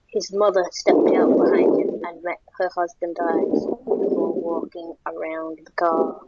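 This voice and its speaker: A narrator reading a horror story aloud in a slow, even way. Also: medium pitch. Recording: dull lo-fi with faint noise.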